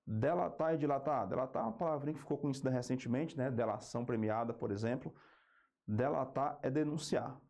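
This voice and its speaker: A Brazilian man teaching an exam-prep grammar lesson, slowing down to spell out key terms and checking in with a quick "ok?" between points. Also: mid-range voice, gravelly, a little mellow. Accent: Brazilian Portuguese.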